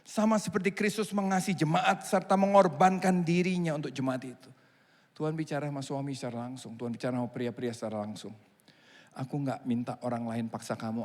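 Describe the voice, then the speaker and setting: A male pastor preaching a sermon in a church, switching between a calm, low voice and lively, higher outbursts as he acts out dialogue. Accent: Indonesian. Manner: animated preaching, voicing God and a complaining husband. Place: church hall. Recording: long church hall reverb.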